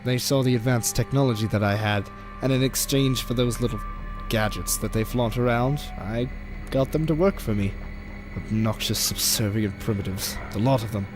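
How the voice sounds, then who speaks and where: Megalomaniac alien villain , male actor, mid-pitched, smug and contemptuous, theatrical delivery over prominent music. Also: moderate pace, close to an everyday voice, rough recording. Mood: cold, contemptuous. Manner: theatrical, gloating, disdainful. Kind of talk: audio drama villain acting. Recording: fan audio play under loud music.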